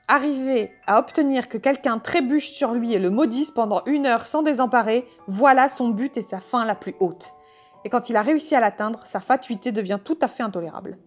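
Woman reading a story with a wry, higher voice. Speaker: audiobook reader. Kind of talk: scripted narration.

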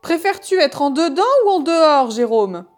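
A woman doing a young Englishman in a storybook reading who yelps his lines high and loud, always quick to protest. His voice jumps well above the reader's own, over faint music. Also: lively intonation. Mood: teasing.

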